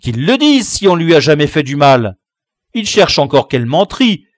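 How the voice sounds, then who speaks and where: A man voicing a defiant young schoolboy gang leader who hurls loud insults in a storybook reading. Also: a little high, sing-song, moderate pace, dry recording, clean studio sound. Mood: fierce, indignant. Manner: shouting insults, fierce.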